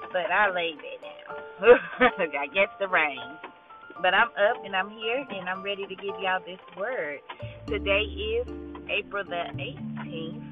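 Woman podcast host, laid-back devotional chat, keeps saying okay, sounds like a phone line. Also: medium pitch. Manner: chatty, repeats "okay?" and "all right?", laughs often. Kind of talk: casual morning devotional podcast. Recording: tinny phone-like line with faint music.

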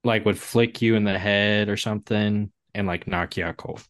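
A man's voice: lowish voice, steady tone, normal speed, a bit bright, no echo, clean studio sound. A man co-hosting a casual book discussion podcast, rambling with lots of "like" fillers. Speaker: podcast co-host.

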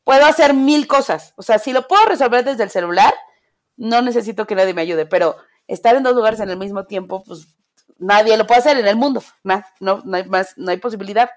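A woman's voice: medium pitch, brisk. A woman with a Mexican accent in casual conversation, talking in a reassuring, friendly way. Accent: Mexican Spanish. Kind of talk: casual chat.

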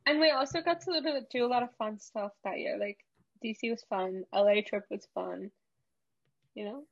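A teenage girl chatting expressively with friends, quick to laugh. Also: mid-range voice, creaky, highs cut off. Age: teens. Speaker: student in group chat. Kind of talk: casual chat.

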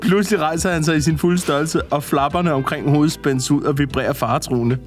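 A man's voice: fairly high pitch, steady tone, soft background music. A man reading a story aloud to a co-host, often breaking into laughter and adding comments. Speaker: podcast co-host.

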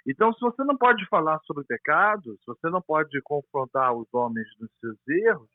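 A man's voice: on the high side, very animated, fairly quick, no room sound. A man with a Brazilian Portuguese accent, a pastor speaking over a phone line, explaining theology earnestly with frequent hesitant restarts. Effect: heard over a phone line. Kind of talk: theological discussion on a call. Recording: tinny dry phone line.

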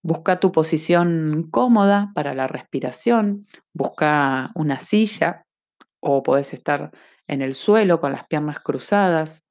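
A woman's voice: low voice, expressive, measured pace, darkish tone. A woman guiding a breathing lesson as an instructor, explaining step by step and checking understanding with short questions.

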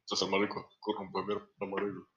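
A man's voice: lowish voice, monotone, racing, a bit bright, muffled recording. A young man in a casual chat with friends, hesitant and self-conscious about being recorded.

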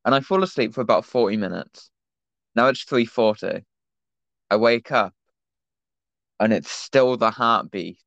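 A man's voice: lowish voice, measured pace, creaky, long pauses, fairly bright tone, no room sound, dull audio. Teen guy telling a rambling story. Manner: rambling anecdote with many fillers. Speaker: podcast co-host. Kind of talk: casual chat, storytelling.

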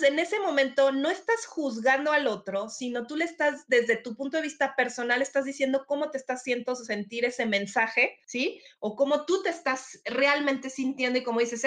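A middle-aged woman teacher talking casually on a video call, with a loud, emphatic voice and lots of teacherly tag questions. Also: high-pitched. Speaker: podcast guest. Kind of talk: casual conversation.

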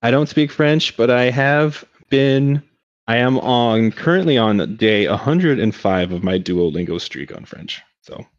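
A man co-hosting a casual podcast, recapping wrestling matches with excitement and plenty of swearing. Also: medium pitch, unhurried, no room sound, dull audio. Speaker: podcast co-host. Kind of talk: casual chat.

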